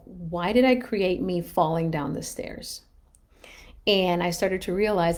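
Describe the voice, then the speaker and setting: A mom in her thirties tells a personal story on a casual live stream in a fairly low, darkish voice. She's candid and self-reflective, rambling, restarting, and laughing at herself.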